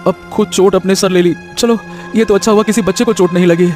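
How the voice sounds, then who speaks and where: A man voicing a high-voiced playful young villager. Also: steady tone, quick pace, a little mellow, faint music behind, lightly acted. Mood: earnest. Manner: teasing, coaxing. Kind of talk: Hindi cartoon voice acting.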